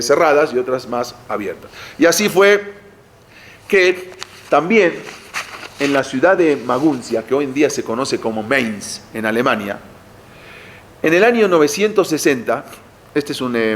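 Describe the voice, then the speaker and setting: Male lecturer, slightly raised pitch, chatty question-and-answer teaching style. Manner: conversational, asks the audience rhetorical questions, frequent "eh" and restarts. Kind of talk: explanatory lecture.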